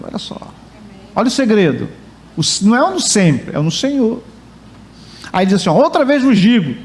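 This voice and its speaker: A man's voice: very high-pitched, darkish tone, a little hiss or hum. A man preaching a sermon as pastor in a church, joking and chatting with the congregation. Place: church hall.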